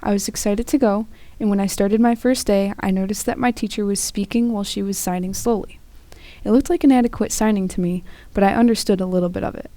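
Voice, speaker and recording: A young woman, a student interpreter, voicing a first-person story in a plain, even way. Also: medium pitch, dry recording. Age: young adult.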